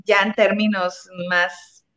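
A woman's voice: medium pitch, flat delivery, slow, a bit bright. A woman talking earnestly and emotionally about love and tears, with many fillers. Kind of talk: spiritual conversation. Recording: dull lo-fi sound.

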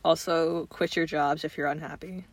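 A woman's voice: deep voice, steady tone, normal speed. A young woman co-hosting a podcast, telling stories in a rambling, dry, casual way. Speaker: podcast co-host. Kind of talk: casual chat.

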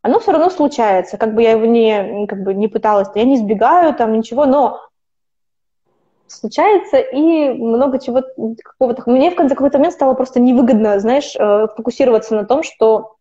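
Her voice sits on the high side, warm in tone and fairly quick. A woman in her twenties and an opera student, she rambles as a podcast guest in a casual interview, repeatedly restarting and self-correcting, all on a dull lo-fi recording.

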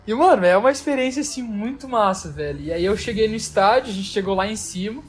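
Soft music plays behind a man whose high, expressive voice comes out quickly. He has a Brazilian Portuguese accent and recounts a travel story casually, using plenty of slang and fillers.

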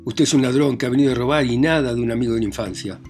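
A man voicing a flustered, jealous old husband who shouts in alarm and anger. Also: medium pitch, expressive, fairly quick, soft background music, lightly acted. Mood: angry. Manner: loud, blustering and frantic.

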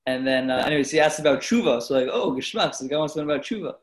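A man's voice: a little high, expressive, racing. Guy in class telling a story, laid back, says bro. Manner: casual, slangy storytelling. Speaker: student in a class.

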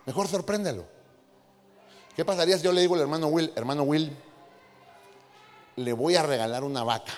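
High-voiced preacher. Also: male voice, a little fast, long pauses. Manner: animated preaching, acting out quoted voices. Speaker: pastor. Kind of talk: sermon. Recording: reverberant hall with faint music.

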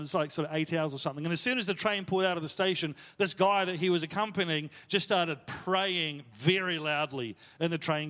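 A pastor tells stories in a sermon, casual and self-deprecating with plenty of fillers. His voice is fairly high and a bit bright, trailed by a long hall reverb.

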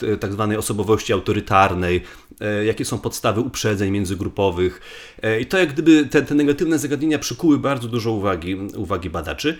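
A man from Poland explains things conversationally as a guest researcher, often repeating words and restarting as he thinks aloud. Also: on the low side.

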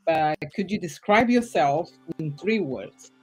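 A woman from Portugal hosts a relaxed podcast interview, taking her time with an unhurried, lowish voice. She is effusive and chatty. Soft music sits faintly beneath her. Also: husky, low-quality recording. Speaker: podcast host. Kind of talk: casual interview.

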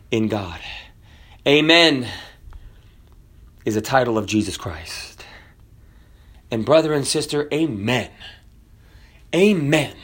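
A Kenyan-born man preaches fervently, building up to near shouts before dropping into a low, soft voice.

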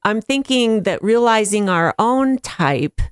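A woman co-hosting a radio morning show, speaking in a measured, reflective way. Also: medium pitch, expressive, clean tone, no room sound, studio quality. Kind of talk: conversational radio talk. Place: radio studio.

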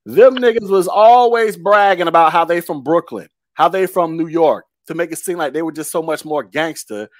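A man in his forties hosting a casual podcast chat, telling stories in a relaxed way, laughing easily and repeating words as he thinks. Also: a little high, moderate pace, hardly any pauses, dry recording. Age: 40s.

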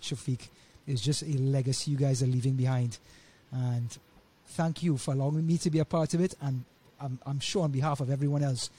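Male podcast host, gushing and upbeat; husky, dark-toned delivery. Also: on the high side. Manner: enthusiastic, effusive praise. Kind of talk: podcast interview.

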